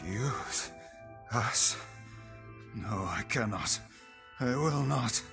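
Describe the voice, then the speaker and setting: A proud magical tome in a video game. He talks slowly and formally with a pompous air, and faint music plays behind. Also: medium pitch, animated, vocal fry, sharp tone, exaggerated voice. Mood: disbelieving, defiant. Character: pompous, proud male talking magical book.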